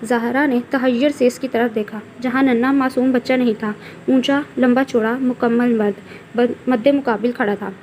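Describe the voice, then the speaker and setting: A woman reading a novel aloud, narrating in a steady storytelling manner. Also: fairly high pitch, normal speed, slight background noise.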